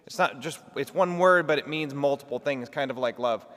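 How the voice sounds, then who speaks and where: A man delivers a lecture into a microphone in a big church. He talks fast and works at projecting to the back of the room. His voice sits at an ordinary pitch and carries a long, ringing reverb. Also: a bit bright. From Texas. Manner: fast-talking, trying to slow down and project. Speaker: guest lecturer. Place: large echoey church.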